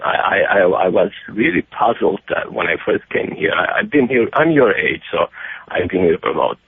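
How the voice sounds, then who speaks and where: A middle-aged man from Romania calling in to a radio talk show, talking earnestly and halting over his words with many restarts, heard through a telephone line. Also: low voice, big pitch swings, creaky, slightly rough, no room sound. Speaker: caller. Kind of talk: phone-in radio call. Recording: tinny phone line.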